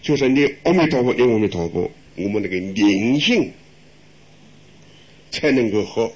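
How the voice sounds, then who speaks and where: An older male monk gives a teaching in a lively, swooping voice that rises and falls a lot. He chuckles and poses rhetorical questions in a homely way. The recording is dull and lo-fi. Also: on the low side, normal speed, slightly rough. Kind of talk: dharma talk answering questions.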